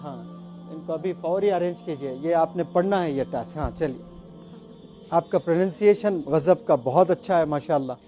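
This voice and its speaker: A man teaching a student to recite, encouraging her and tossing in quick English prompts. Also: a little high, warm tone, faint music behind.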